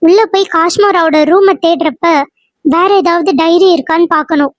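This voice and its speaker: A woman's voice: very high voice, moderate pace, no echo. A woman voicing an anxious, bossy sister-in-law in a cartoon serial, urging the others on. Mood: urgent. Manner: urgent, scolding, explaining. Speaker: cartoon character.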